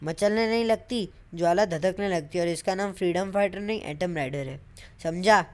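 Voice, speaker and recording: A woman's voice: lowish voice, moderate pace, lightly acted. A woman voicing a brash boy superhero. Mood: boastful. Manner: exasperated, lecturing, hot-tempered. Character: brash young male superhero, bossy and boastful. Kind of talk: comic voice-over dub.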